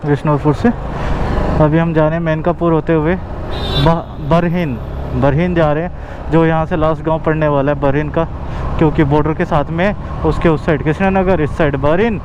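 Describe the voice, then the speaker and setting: A man's voice: a little high, fairly even intonation, moderate pace, highs cut off. A man from India talking to camera as he rides, chatty and thinking aloud. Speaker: motovlogger. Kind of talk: riding commentary to camera. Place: outdoors on a rural road. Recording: road and engine noise.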